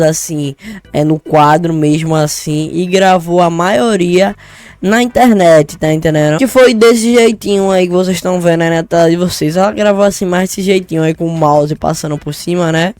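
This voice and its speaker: A man, a vlogger chatting casually about a language lesson, joking and swearing in quick asides. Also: a little high, darkish tone, smooth, dry recording. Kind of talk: casual chat. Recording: dry close voice, faint music.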